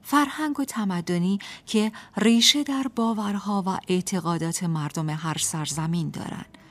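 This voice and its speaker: A woman narrating a folk tale for a radio program, in a lively storyteller's manner. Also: medium pitch.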